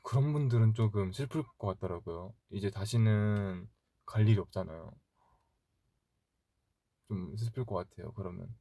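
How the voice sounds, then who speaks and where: With a fairly low, creaky voice and no echo, a twenty-something idol hosts a laid-back livestream. He replies to fans chattily, laughs readily, wanders into long stories, and mutters quietly to himself now and then.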